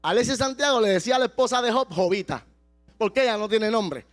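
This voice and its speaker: High-voiced preaching man, soft music under. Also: animated. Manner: impassioned preaching, slows and shouts for emphasis. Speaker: pastor. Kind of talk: sermon.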